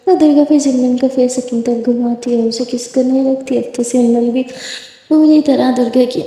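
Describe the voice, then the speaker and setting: A woman's voice: on the high side, warm tone. A woman narrating a romance story in a chatty, unscripted way, recorded in an echoey room. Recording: echoey room, long reverb.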